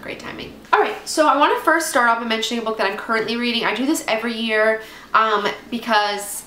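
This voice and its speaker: A book vlogger in her twenties chats casually to camera from home, congested with a cold and rambling through plenty of asides. Her voice is a little high and sharp, and she talks fairly quickly. The indoor room is echoey, with faint background noise.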